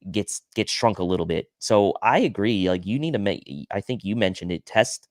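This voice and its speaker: Low-voiced man breaking down football stats. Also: lively intonation, moderate pace, no echo, studio quality. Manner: analytical, rattles off stats. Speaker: podcast co-host. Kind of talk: sports pregame talk show.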